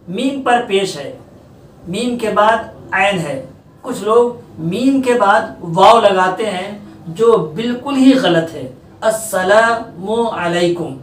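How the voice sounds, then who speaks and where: A male teacher giving a pronunciation lesson to students, repeating each word slowly to set the right form against the wrong one. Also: high voice, fairly bright tone. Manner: deliberate, repeating words to contrast right and wrong forms. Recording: roomy, distant mic, faint background noise.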